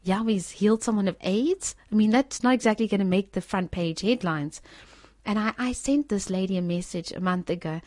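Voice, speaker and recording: A woman's voice: mid-range voice, moderate pace, no room sound. A woman giving an informal sermon and sharing a testimony in an earnest way, often restarting her sentences. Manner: earnest, with repeated restarts and soft laughs.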